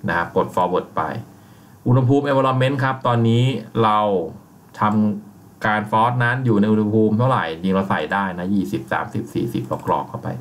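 Male instructor, lowish voice, relaxed step-by-step tutorial delivery over faint hiss. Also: moderate pace. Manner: relaxed, explains step by step with frequent polite fillers. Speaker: software instructor. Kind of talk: screen-recorded software tutorial.

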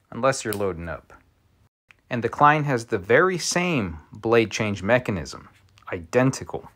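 A man's voice: on the low side, fairly bright tone. A man giving a casual product review of tools, with wry, joking asides. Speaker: tool reviewer.

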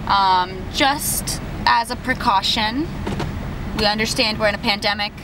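A woman's voice: medium pitch, measured pace. A young woman vlogging casually and playfully inside a van on a road trip, talking to a handheld camera. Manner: playful, jokey. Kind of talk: casual chat. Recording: loud road and car noise.

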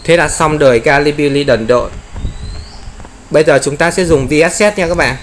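A man giving excited gameplay commentary, often exclaiming and playfully taunting enemies. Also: fairly high pitch, normal speed, a little hiss or hum.

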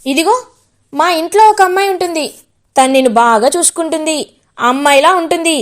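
A woman's voice: high voice, brisk, natural voice. A woman voicing an arrogant, mocking older male boss in a retold serial. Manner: mocking, bossy.

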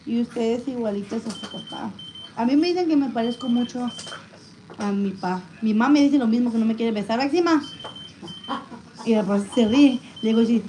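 In a hospital room with steady background noise, a woman vlogs a family visit, joking and teasing playfully in a blend of Spanish and English. Her voice is a little high and brisk, and the recording quality is low.

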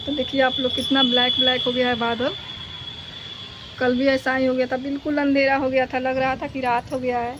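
A woman's voice: high voice, little pitch movement, a little fast, background noise. A woman vlogging to her viewers on a rooftop while she plays with her dog, chatty and repetitive, sometimes talking to the dog. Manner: chatty, repeats herself, talks to her dog. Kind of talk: casual vlog narration to viewers. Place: rooftop outdoors during thunderstorm. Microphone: phone camera.

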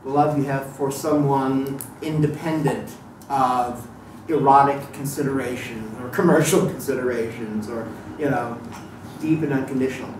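A man's voice: mid-range voice, steady tone, moderate pace, far from the mic. A man giving a live lecture to an audience, thoughtful and digressive, with frequent restarts and fillers. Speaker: lecturer on Thelema. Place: lecture room. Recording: echoey room recorded from afar, faint noise.

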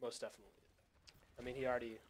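Fast-talking young esports co-caster. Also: male voice, medium pitch, little pitch movement. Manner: casual, asks curious questions about the game. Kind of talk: esports game commentary.

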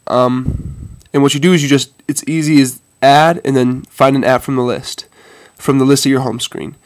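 At a moderate pace and steady tone, a mid-range male voice, congested and stuffy-nosed from a head cold, gives a casual phone demonstration. He comes across hesitant and informal, addressing the viewers as "guys."

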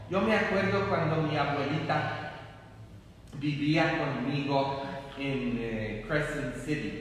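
A priest, giving a chatty, humorous homily in a large empty church. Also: male voice, mid-range voice, a bit bright, slight background noise. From Poland. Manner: slow, chatty and humorous, many fillers. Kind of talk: conversational homily. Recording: echoey church hall from far off.

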